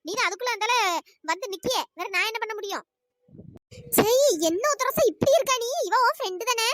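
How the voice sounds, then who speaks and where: A woman's voice: very high-pitched, fairly quick, a bit bright, no room sound, studio quality. A woman voicing a sly, meddling village woman who stirs up quarrels in a cartoon. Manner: scolding, sly and gossipy. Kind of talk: cartoon voice acting.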